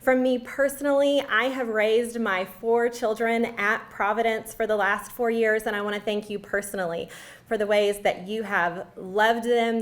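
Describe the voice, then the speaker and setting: A woman's voice: on the high side, fairly bright tone. A middle-aged woman co-hosting a live charity fundraiser, speaking to the viewers.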